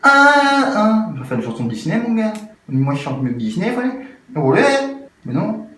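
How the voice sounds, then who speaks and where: A man's voice: high-pitched, big pitch swings, normal speed, recorded from a distance. Frustrated swearing young man, echoey room. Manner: swearing, frustrated, joking, swinging between mutters and yells. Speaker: YouTuber. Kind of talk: chaotic joking DIY video. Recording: very echoey room, faint noise.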